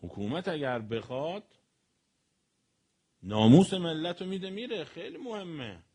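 Male preacher, fairly high voice, lively storyteller who jumps between loud and soft. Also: breathy edge. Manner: animated storytelling with sudden loud and soft swings. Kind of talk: historical sermon to an audience.

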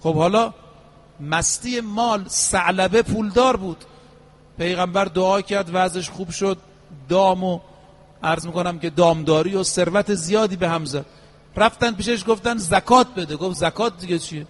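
A man preaching a sermon, telling stories and chanting Arabic verses slowly. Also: sits high. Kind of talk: religious sermon with storytelling. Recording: long hall reverb.

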